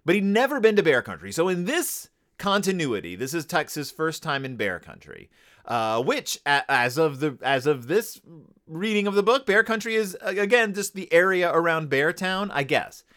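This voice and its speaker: A man's voice: a little high, big pitch swings, normal speed, fairly bright tone. A man hosting a podcast, chatting casually and comically about a children's book, rambling and correcting himself as he goes. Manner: rambling, digressive, self-correcting. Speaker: podcast host. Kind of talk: casual comedic book review.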